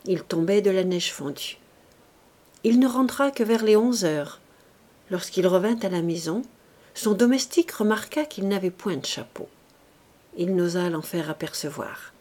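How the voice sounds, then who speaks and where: A woman's voice: medium pitch, animated, mellow. Woman narrating a classic novel. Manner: measured, dramatic reading. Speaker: audiobook reader. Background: music.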